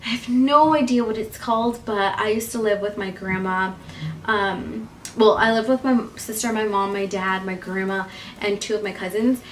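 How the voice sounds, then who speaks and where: A woman's voice: mid-range voice, steady tone, normal speed, distant mic, a little hiss or hum. A woman in her twenties from Guatemala, a YouTuber chatting casually to camera, with lots of ums and little laughs. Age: 20s.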